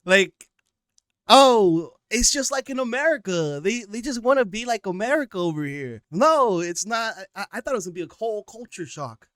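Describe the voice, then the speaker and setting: Male reactor, somewhat high and smooth voice, dry close mic, halting and snarky. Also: lively intonation, fairly bright tone, dry recording. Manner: halting, repeats words, sarcastic. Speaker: commentator. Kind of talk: casual reaction commentary.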